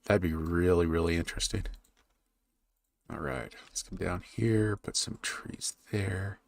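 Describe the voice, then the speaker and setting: A man live-streaming while he draws a fantasy map, thinking aloud and chatting with his viewers in a relaxed, rambling way. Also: deep voice, measured pace, vocal fry, dry recording. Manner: thinks aloud, muttering while he works, then perks up to talk to chat. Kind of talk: casual live-stream chat while working.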